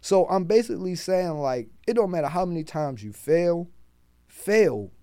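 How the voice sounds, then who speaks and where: A man with a Baltimore accent tells a podcast host about his hustle in a loose, animated, profane voice. His voice sits a bit high. The sound is dry, close and clean, with no room around it. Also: normal speed, dry recording. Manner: streetwise, profane, animated storyteller. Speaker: guest, rapper and food truck owner. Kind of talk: casual podcast storytelling.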